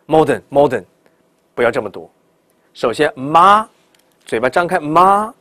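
A middle-aged man with a mid-range voice teaches English pronunciation in a classroom lecture, his delivery lively and swinging as he draws words out slowly to demonstrate them. He keeps tossing rhetorical questions at the class. The recording is dry and close-miked, with no room sound.

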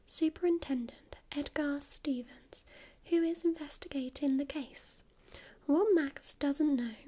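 A woman voicing a friendly, patient librarian in a whispered role-play, speaking in a soft, soothing library whisper. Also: high voice. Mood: hushed, intriguing. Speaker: ASMR performer playing a librarian.

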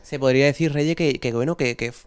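A man's voice: mid-range voice, fairly quick, clean tone. A man working as a local TV reporter, asking prompting, leading questions in a news interview. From Spain.

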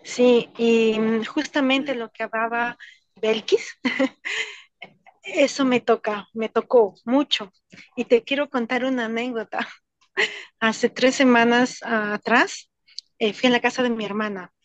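Lively woman telling a story on a video call. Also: a little high, a little slow, pauses often, no room sound, muffled recording. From Latin America, immigrant in Switzerland. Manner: animated, laughs often, acts out quoted voices. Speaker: book club participant.

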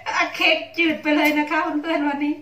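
A woman's voice: sits high, little pitch movement, quick pace, a bit bright. A middle-aged woman from Thailand chatting playfully and casually as she narrates a home cooking vlog. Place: small home kitchen, indoors.

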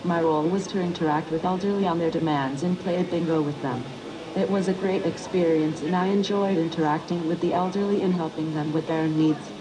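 A synthetic text-to-speech voice of a humanoid care robot, female-sounding, speaking in an even, formal, politely scripted way. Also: fairly low pitch, brisk, a crowd in the background, rough recording.

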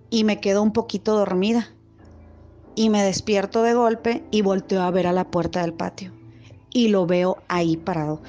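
A woman with a warm, mid-range voice sends a lo-fi voice message recounting her own ghost experience as a follower. Her storytelling is casual and meandering, looping back to earlier points.

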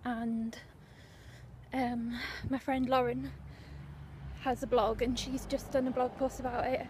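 A young woman vlogs while walking down a windy street, chatting casually and slightly out of breath, rambling with lots of fillers and asides. Her fairly high voice is level, slow, and darkish in tone, with faint background noise and wind.

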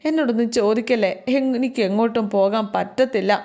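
A woman's voice: a little high, fast, mellow, lightly acted. A woman voicing a terrified young woman, broken down and repeating desperate pleas.

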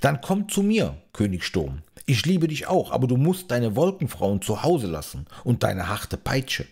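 A man voicing a gentle, loving sun queen in a fairy-tale audiobook, in a raised, soft voice. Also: mid-range voice, huge pitch swings, a little slow, creaky, husky, pitched above the performer's own voice, full character voice. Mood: tender, longing.

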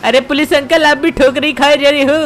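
A woman's voice: high voice, normal speed, natural voice. A woman doing a cheeky panicky little boy. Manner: whiny, excitable exclamations, talks to viewers. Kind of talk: gameplay commentary in character.

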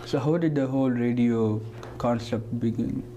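A man's voice: mid-range voice, steady tone, moderate pace, gravelly, dark tone, a little hiss or hum, low-quality recording. A young man co-hosting, asking interview questions hesitantly with many fillers and restarts. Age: young adult. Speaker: co-host interviewer. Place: studio with green screen.

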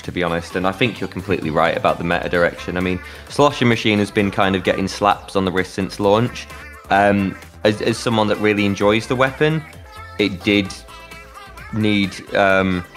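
A man casting an esports match play-by-play, excitable and climbing sharply in pitch at big plays. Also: moderate pace, faint music behind. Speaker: esports caster.

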